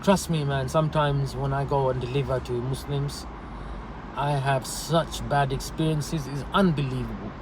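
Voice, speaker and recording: A man, a delivery driver, giving earnest, repetitive advice and animated stories in a casual livestream. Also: medium pitch, moderate pace, background noise.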